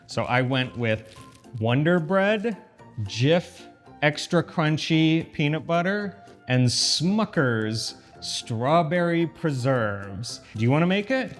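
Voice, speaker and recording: A man's voice: on the high side, very animated, slow pace. An American man chatting casually and informally to camera as a vlog host, in an echoey empty kitchen. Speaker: channel host. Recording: echoey empty room, faint music.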